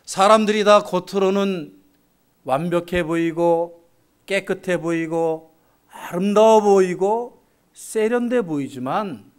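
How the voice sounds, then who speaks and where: Slow, high-voiced male preacher. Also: clear, resonant tone. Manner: measured, rhetorical questions to the congregation. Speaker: pastor. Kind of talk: sermon. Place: church sanctuary.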